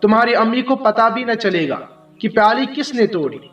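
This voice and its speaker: A man voicing a mischievous young boy in a children's audiobook, quick and pushy. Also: extremely high pitch, animated, a bit bright, roomy sound, distant mic, lo-fi sound, soft background music. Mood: urging. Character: mischievous boy urging escape.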